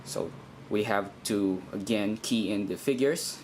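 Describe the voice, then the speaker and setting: In a noisy amateur recording with steady background noise, a man demonstrates radio programming hands-on and off the cuff. His pitch is fairly low, his pace a little slow, and his phrasing tentative as he thinks out loud.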